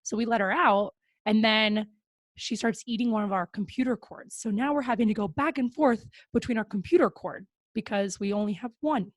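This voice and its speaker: Woman, young adult, podcast host, chatty and upbeat, fairly high voice, close dry mic. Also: moderate pace, no echo. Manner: upbeat and chatty, with frequent fillers. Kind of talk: casual podcast chat.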